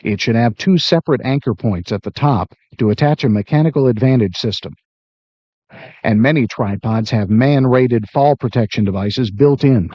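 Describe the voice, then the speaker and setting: A man narrates a training video in a measured, instructive way. His dark, mellow voice is dry and close, with no room sound. The dull, lo-fi recording wobbles throughout with a warped-tape warble. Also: mid-range voice, no room sound.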